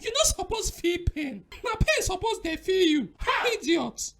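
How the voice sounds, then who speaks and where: Squeaky, irritable male footballer, Nigerian accent, mocking, animated pitch, comedy skit. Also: measured pace, creaky, background noise, full character voice. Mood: scolding. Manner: scolding, mocking.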